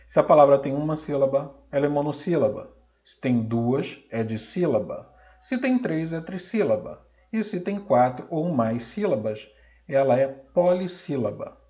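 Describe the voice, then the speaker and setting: A Brazilian Portuguese man teaching a recorded grammar lesson, sounding out example words slowly and loudly. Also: a little high, lively intonation, dull audio.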